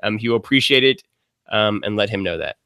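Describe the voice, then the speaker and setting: A man's voice: lowish voice, a little fast, pushed and bright, clear, resonant tone, no echo. A man talking casually as a guest on a gaming podcast, rambling with lots of fillers and frequent laughs.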